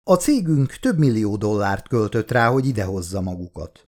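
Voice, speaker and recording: A man's voice: fairly low pitch, sing-song. A man reading the lines of a haughty, wealthy woman who runs an expedition, in a cool, superior, clipped manner. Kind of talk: audiobook character reading.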